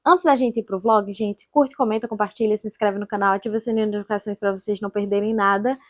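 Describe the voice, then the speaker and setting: A woman's voice: mid-range voice, steady tone, fast, no room sound. A Brazilian woman chatting casually as a book vlogger, informal and rambling, often correcting herself. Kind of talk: casual chatty reading vlog.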